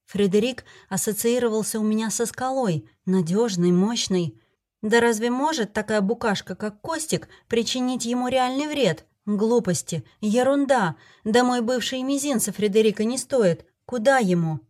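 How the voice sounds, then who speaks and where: A woman narrating a first-person fantasy audiobook in an expressive, emotional way. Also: fairly high pitch, moderate pace.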